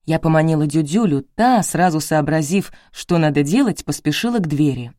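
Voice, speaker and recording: Low-voiced woman narrating an audiobook. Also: lively intonation, normal speed, dark tone, dry recording, studio quality. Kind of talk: scripted first-person narration.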